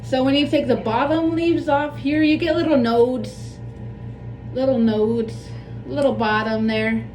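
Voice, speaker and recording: A woman in her thirties with a lisp, chatting casually and in a rambling, self-deprecating way as she demonstrates something for a vlog. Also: on the high side. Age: 30s. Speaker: plant vlogger. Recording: echoey room, distant mic, background music.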